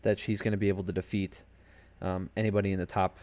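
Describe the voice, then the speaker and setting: Low-pitched male podcast host, chatty and rambling, casual solo commentary from a home desk. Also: little pitch movement, quick pace, darkish tone. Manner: rambling and chatty, heavy on fillers and asides. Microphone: home desk setup.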